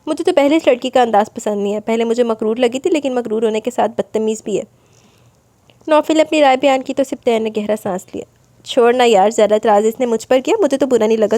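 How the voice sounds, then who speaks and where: A woman's voice: warm tone, dry recording. A woman reading a romance novel aloud, narrating and voicing the dialogue of each character. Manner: switches pitch for different characters' lines.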